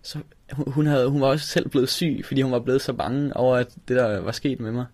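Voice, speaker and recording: A young man from Denmark telling a personal story, halting, with many restarts and fillers. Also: mid-range voice, fairly even intonation, darkish tone, no echo. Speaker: interviewee telling his story. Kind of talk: personal recollection.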